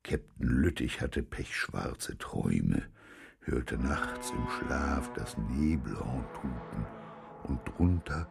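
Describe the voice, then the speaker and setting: A man reading a children's story aloud with expressive storytelling. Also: a bass voice, takes it slowly, creaky, music in the background. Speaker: audiobook reader.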